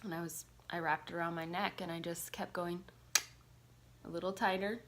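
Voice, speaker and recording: Woman vlogger with a low-leaning voice, confessional storytelling, loose and filler-heavy. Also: fairly even intonation, normal speed, noisy background. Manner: casual, confessional, lots of "like" fillers; swears casually. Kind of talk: personal storytelling to camera.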